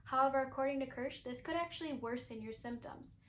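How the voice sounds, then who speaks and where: Young female news narrator, fairly high voice, faint ambient noise behind. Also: brisk.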